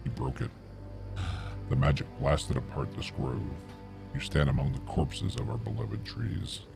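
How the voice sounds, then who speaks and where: A man voicing a huge, ancient talking tree from a fantasy game, grim and mournful, with slow, solemn, creaky speech. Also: rumbling low, animated, full character voice. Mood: grieving, solemn. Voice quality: creaky, gravelly growl. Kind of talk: video game role-play read aloud. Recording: music behind the voice.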